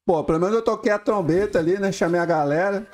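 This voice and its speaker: A young Brazilian man casually commenting on his own gameplay, excitable, swearing and yelling during fights. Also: high-pitched, quick pace, over loud music. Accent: Brazilian Portuguese. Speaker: gaming YouTuber.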